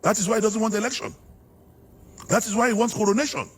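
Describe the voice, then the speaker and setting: A man's voice: high voice, fairly even intonation, quick pace, breathy edge. A Nigerian man arguing politics in a heated interview, fiery and preacher-like, hammering his points. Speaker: political guest.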